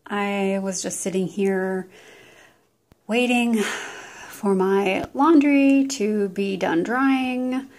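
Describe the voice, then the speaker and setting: Slow, gravelly woman rambling at home. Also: medium pitch. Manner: slow, meandering, self-deprecating, many ums. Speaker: vlogger. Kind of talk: casual rambling vlog. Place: at home indoors. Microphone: camera at home.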